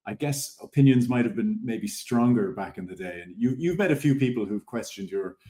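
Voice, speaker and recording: A man's voice: lowish voice, animated, a little fast, warm tone, roomy sound. An Irish man co-hosting a casual podcast chat, thinking aloud with fillers as he asks questions. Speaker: podcast co-host.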